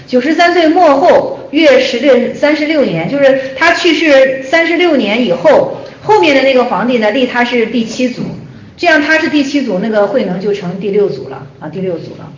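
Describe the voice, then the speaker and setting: A woman giving a conversational lecture on Buddhist texts, who often repeats her phrases and asks herself questions. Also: a little high. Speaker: Buddhist teacher. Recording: echoey room, dull lo-fi sound.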